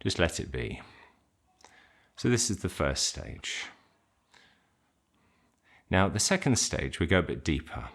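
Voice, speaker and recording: A man with an extremely low voice and big pitch swings leads a meditation, speaking slowly and leaving plenty of space between his words. His simple, gentle instructions are phrased informally and a little hesitantly.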